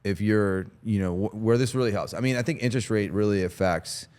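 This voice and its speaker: Male host, low-ish voice, upbeat and rambling, casual talk out on a golf course. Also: fairly quick, a little mellow. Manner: upbeat, laughs easily, rambling explanations. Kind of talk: casual chat.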